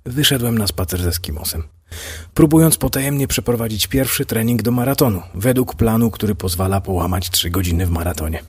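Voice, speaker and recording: A man voicing a tired, sheepish husband in his fifties who answers his wife quietly. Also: fairly low pitch, animated, fairly quick, slightly rough, voice pushed up. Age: 50s. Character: worn-out fifty-one-year-old husband, sheepish.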